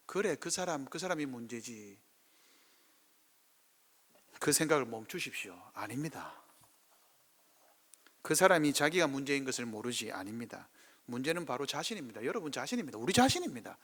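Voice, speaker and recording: A man's voice: a little high, fairly bright tone. A middle-aged male pastor with a Gyeongsang Korean accent preaching a sermon, acting out quoted speech in dialect.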